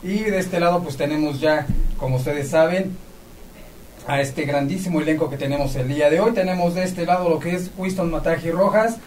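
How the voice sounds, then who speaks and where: A fairly high-voiced man presents a live event as its host, effusive and courteous. He is recorded at some distance from the microphone, with faint noise in the room. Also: a little fast, darkish tone. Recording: distant mic, noisy room ambience.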